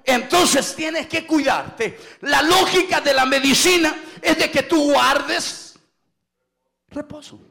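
A middle-aged male pastor preaching a Pentecostal sermon, shouting and throwing in "aleluya" and "hermano" between phrases. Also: very high-pitched, vocal fry.

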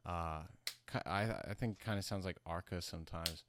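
A man who sounds high, talking casually about his music in a rambling, slangy, profane stoner manner. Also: fairly even intonation, brisk, background noise. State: high from smoking. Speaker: musician being interviewed about own album. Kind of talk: casual chat.

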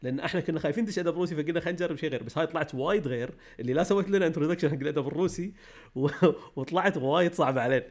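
Rapid-fire man chatting. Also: on the high side. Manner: rapid, enthusiastic, laughs easily. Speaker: podcast co-host. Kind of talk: casual chat.

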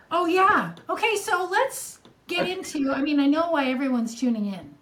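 A woman's voice: high voice, background noise. A woman co-hosting a podcast in casual chat over a video call, giggling often. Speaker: podcast co-host.

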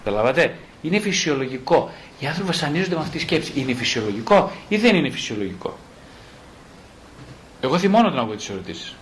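Male psychologist, wry storyteller, voice sits a little high, faint hiss behind. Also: poor audio. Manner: animated storyteller who acts out patients' lines; wry and mocking. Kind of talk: conversational explanation in an interview.

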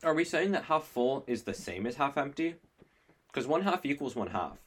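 A young man in casual podcast banter, his voice bright and sharp. His pitch swings widely as he jokes, and he breaks into laughter often. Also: moderate pace, breathy edge. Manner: joking, animated, laughs often. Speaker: podcast co-host. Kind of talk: casual chat.

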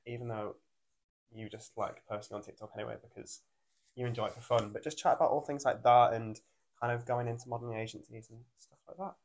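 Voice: medium pitch, a little mellow. A young adult with a Durham accent from North East England, hosting a casual podcast interview with informal, loosely phrased questions. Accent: Durham, North East English. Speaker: podcast host. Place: living room.

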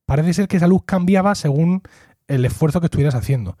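A man's voice: fairly high pitch, fast, mellow, dry recording, clean studio sound. A middle-aged man hosting a podcast, chatting casually and acting out quoted dialogue as he tells a story. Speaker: podcast host. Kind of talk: casual chat.

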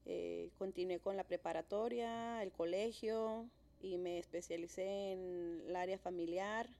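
Her voice sits on the low side with fairly even intonation, vocal fry, and a warm tone, and she speaks a little slowly. The woman, a Mexican podcast co-host in her thirties, interviews in a friendly, encouraging way during a casual talk.

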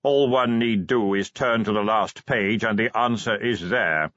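A man voicing Death as a calm, measured, dry-spoken skeletal figure in an audiobook reading. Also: fairly low pitch, dry recording. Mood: dry, unhurried. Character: Death, calm slow skeletal male being. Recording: dull lo-fi audiobook recording.

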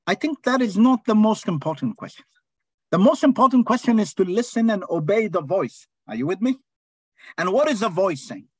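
A man's voice: high voice, very animated, darkish tone, breathy edge, dry recording. A man preaching a sermon, calling out phrases for the congregation to repeat and stretching out key words for emphasis. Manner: call-and-response preaching, drawn-out emphatic phrases.

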